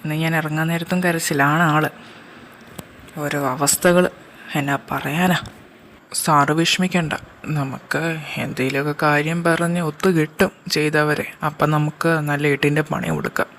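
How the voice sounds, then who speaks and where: A woman's voice: low-pitched, fairly even intonation, normal speed, fairly bright tone, slight background noise. A woman acting in a fan audio drama, speaking plainly and conversationally while voicing male characters.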